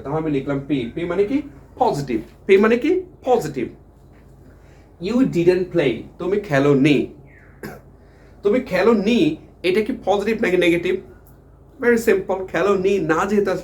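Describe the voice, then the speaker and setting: A man's voice: sits high, a little mellow. A man teaching English grammar who keeps asking his viewers questions and then answering them himself, repeating the key words. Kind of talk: grammar lesson explaining at a board.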